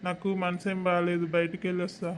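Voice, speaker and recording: A man with a Telangana accent playing a weary young village husband who speaks quietly. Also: high voice, completely flat delivery, quick pace, heavy background noise, close to an everyday voice. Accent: Telangana Telugu. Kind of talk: village comedy skit acting.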